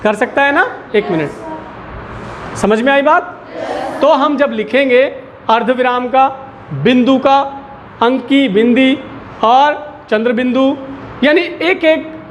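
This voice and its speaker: A man's voice: very high-pitched, slight background noise. A man teaching a Hindi lesson to a school class, patiently asking questions and repeating the key words. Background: children in the classroom.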